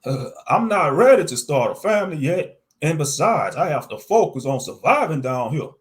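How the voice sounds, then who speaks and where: A man voicing a nervous, easily shocked human interviewer who exclaims in a high voice, in a narrated monster story. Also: big pitch swings, moderate pace.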